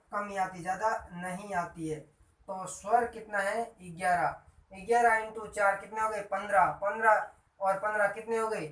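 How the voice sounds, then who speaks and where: A man's voice: high-pitched, a bit bright, far from the mic. A man giving a grammar lesson who keeps repeating points and quizzing his listeners with questions. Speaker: Hindi grammar teacher. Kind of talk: classroom-style grammar lesson. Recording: echoey room, voice off-mic.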